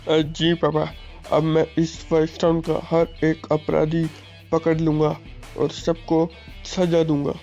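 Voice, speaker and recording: A man's voice: on the high side, monotone, slow, darkish tone, muffled recording, soft background music. A man doing a whiny corrupt young cop son. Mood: meek. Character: greedy corrupt young police officer son. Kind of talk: gameplay story voice-acting.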